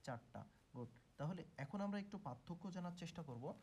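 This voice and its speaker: A man's voice: a little high, expressive, a little fast, darkish tone, a little hiss or hum. A man teaching a grammar lesson who asks questions and answers them himself, with frequent "ah" fillers.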